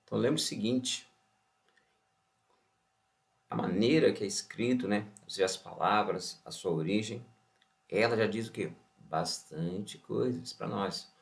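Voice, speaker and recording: Brazilian man, online science teacher, lowish voice, keeps quizzing the viewer. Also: unhurried, vocal fry, pauses often. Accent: Brazilian Portuguese. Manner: animated, asks rhetorical questions and answers them; opens with a Bible verse and blessing. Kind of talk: online lesson.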